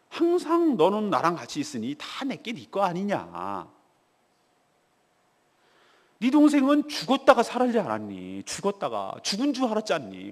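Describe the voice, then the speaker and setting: A man voicing a kind older father who softly and slowly pleads with his grown son, recorded in a church with a long reverb. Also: high voice, voice pushed up, full character voice. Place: church sanctuary.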